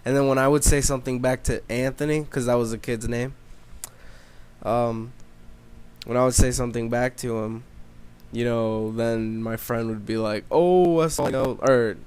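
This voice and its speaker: Young male vlogger, smooth voice, casual profane storyteller. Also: medium pitch, flat delivery, moderate pace. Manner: rambling, profane, filler-heavy delivery.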